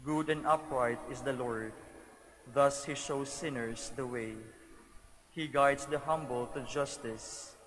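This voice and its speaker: A man serving as lector, reading scripture and the psalm slowly and solemnly, phrase by phrase. His mid-pitched voice rings out with a long cathedral echo. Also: fairly bright tone. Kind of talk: liturgical reading and responsorial psalm. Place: large church. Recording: long church reverb.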